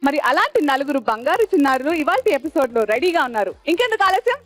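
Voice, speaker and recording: A woman's voice: high voice, big pitch swings, very fast. A woman hosting a children's game show, cheery and coaxing, mixing English into her talk. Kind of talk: bubbly show hosting, Telugu mixed with English. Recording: music playing behind.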